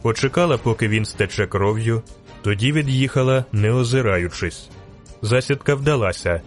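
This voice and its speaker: Brief: male audiobook narrator, mid-pitched, measured delivery, faint music bed. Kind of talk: dramatic audiobook reading.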